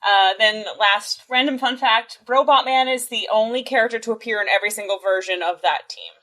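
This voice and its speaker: A woman co-hosting a podcast in a casual comics discussion, relaxed, with fillers and small laughs. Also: a little high, a little fast. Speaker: podcast co-host.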